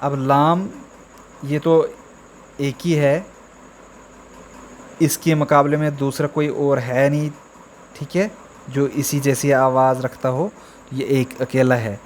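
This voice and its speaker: An Urdu teacher with a medium-pitched, flat voice leads a slow alphabet lesson for beginners, sounding out each letter and repeating example words. His drills are drawn-out and repetitive, and he checks in often with "theek hai." A faint hiss or hum sits under the recording.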